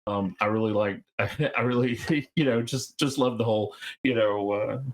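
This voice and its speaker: As a guest on an interview, a game designer in his fifties from Georgia, USA, talks casually and rambles, full of fillers and false starts. His voice is medium in pitch and his pace moderate.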